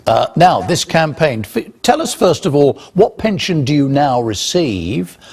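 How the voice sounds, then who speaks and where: A man presenting the news and interviewing a guest with polite, measured questions. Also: on the high side, very animated, creaky, a little mellow, slightly rough.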